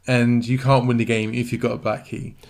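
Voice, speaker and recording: Relaxed man explaining rules. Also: mid-range voice, a little fast, creaky. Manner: relaxed explainer, many yeahs. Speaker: podcast co-host. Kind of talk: casual chat.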